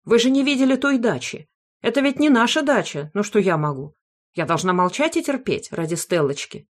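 A woman voicing a fussy, loud old grandmother in an audiobook, who is indignant and blames everyone else. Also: a little high, big pitch swings, brisk, pitched above the performer's own voice. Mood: defiant. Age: older. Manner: indignant, bossy, blames others. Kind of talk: audiobook character voice.

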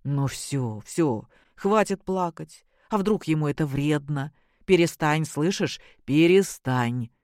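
Reader voicing a young husband, gentle and reassuring, close to the reader's own voice, dry sound. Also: medium pitch, lively intonation, slow pace, no echo. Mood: soothing.

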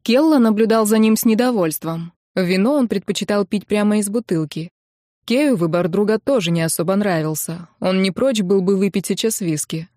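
A woman narrating a romance audiobook in an even, steady storytelling voice. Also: medium pitch, normal speed, no room sound, clean studio sound.

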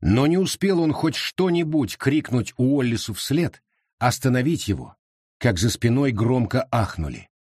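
A man narrating an audiobook with a dramatic, expressive reading. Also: medium pitch, unhurried, breathy edge, dry recording, studio quality. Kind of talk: scripted narration.

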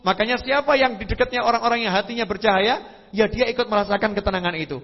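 A man giving a religious lecture, telling stories with sudden leaps in pitch and voiced sound effects. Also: fast talker. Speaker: preacher. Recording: lo-fi hall recording with long reverb.

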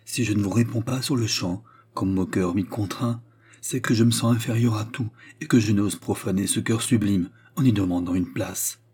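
A grave, sad nobleman, loyal and stern, who speaks earnestly and solemnly, read by a man. The voice is low, mellow and husky, in an audiobook reading of a novel. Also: normal speed. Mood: earnest, alarmed.

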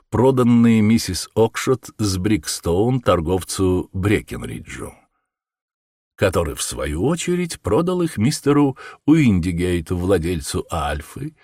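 Calm soft-spoken detective, as a male reader does him, low and quiet, measured, audiobook, dry close sound. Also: slightly rough, no echo, full character voice. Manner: soft, gentle, measured speech. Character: calm, clever male detective, gentle and assured.

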